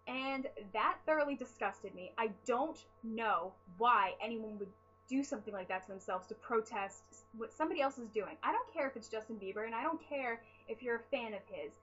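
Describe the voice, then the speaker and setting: A woman's voice: a little high, lively intonation, a little fast, fairly bright tone, dull audio, soft background music. A young woman chatting casually to camera while answering fan questions, rambling and self-deprecating, tired from lack of sleep. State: sleep-deprived. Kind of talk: casual chat.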